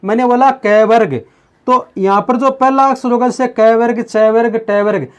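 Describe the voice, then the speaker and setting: A man's voice: very high-pitched, steady tone, smooth. Male teacher asking and answering questions. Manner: asks the viewers questions and answers them himself; calls the viewers friends, slow and repetitive. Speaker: Hindi grammar teacher. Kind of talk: video lesson explaining at a board.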